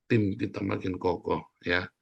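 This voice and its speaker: A man's voice: deep voice, steady tone, unhurried, vocal fry, slightly rough, highs cut off. A middle-aged man preaching a sermon as pastor, exhorting the congregation directly and repeating his key phrases over and over.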